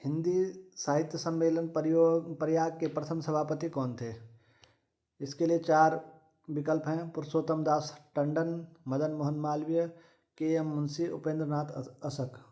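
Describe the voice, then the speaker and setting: A fairly high-voiced man works through exam questions one by one. He talks at a steady, methodical pace and repeats the same set phrases for each answer. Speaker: exam prep teacher. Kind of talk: reading quiz questions and answers.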